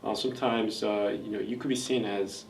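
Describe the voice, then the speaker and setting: A man from South Korea, an army major, speaking in a measured, even way in an interview. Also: fairly low pitch. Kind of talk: interview testimony. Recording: roomy, distant mic, faint noise.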